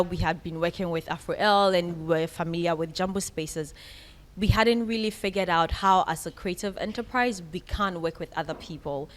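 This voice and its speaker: A woman speaks as a guest in a radio interview, talking about her creative enterprise in a candid, chatty, reflective way. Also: on the low side.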